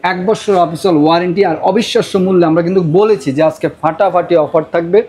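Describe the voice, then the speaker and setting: Fast, high-pitched Bangladeshi hard-sell salesman. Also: fairly even intonation, darkish tone. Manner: insistent, repeats prices and limited-time offers. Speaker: router seller presenting deals.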